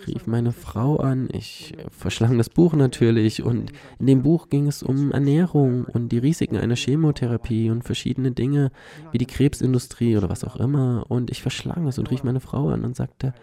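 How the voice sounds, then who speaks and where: A man's voice: medium pitch, normal speed, creaky, warm tone. A man telling his own story earnestly as personal testimony, often dropping in a filler "ja". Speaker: cancer survivor sharing his story.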